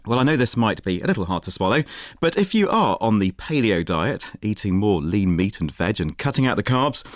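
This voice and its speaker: A middle-aged man hosting a science podcast, presenting in a lively, wry scripted style. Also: on the low side, no room sound, studio quality.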